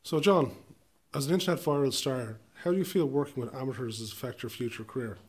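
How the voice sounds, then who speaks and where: A man's voice: mid-range voice, fast, breathy edge. A man acting as an interviewer, putting questions in a comic mock interview.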